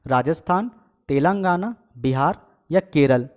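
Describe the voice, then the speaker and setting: A man's voice: on the high side, animated, measured pace, darkish tone. A man teaching an exam-prep quiz lesson, reading each question and its options aloud, then giving and repeating the answer with frequent "okay" checks to his viewers. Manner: addresses viewers as friends and guys.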